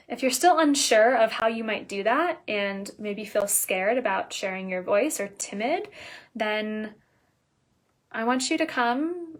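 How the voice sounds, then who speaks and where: Energetic coaching woman, higher voice. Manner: energetic, emphatic, shifts between loud bursts and soft near-whispers. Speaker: business coach. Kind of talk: casual live coaching talk.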